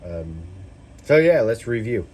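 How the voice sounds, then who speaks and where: A man's voice: lowish voice, big pitch swings, measured pace, a little mellow, husky. A man giving a casual, rambling product review, loose and tipsy as if he has been drinking, and swearing freely. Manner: casually profane. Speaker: knife reviewer. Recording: noticeable background noise with clicks.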